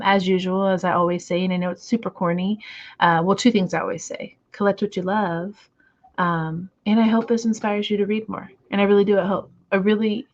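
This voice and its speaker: A slightly hoarse woman hosting a comic book reading stream, chatting casually with lots of fillers and trying to slow her naturally fast speech. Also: lowish voice, lo-fi sound. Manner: rambling, filler-heavy, self-deprecating. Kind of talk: casual livestream chat.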